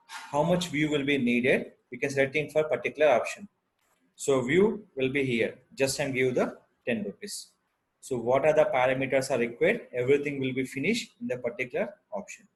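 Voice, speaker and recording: A man with an Indian Telugu accent presents an unscripted step-by-step software tutorial in halting, repetitive instructional phrases. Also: medium pitch, low-quality recording.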